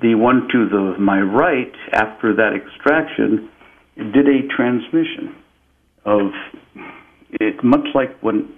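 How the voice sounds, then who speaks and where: Over a tinny, phone-like line, a man from Peru with a lowish voice tells a spiritual story as an interview guest. He speaks slowly and reflectively, often repeating "and" while searching for words.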